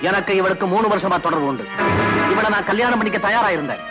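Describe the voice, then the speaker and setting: A cool accusing young man, kinda high voice, old film audio with music. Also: lively intonation, quick pace.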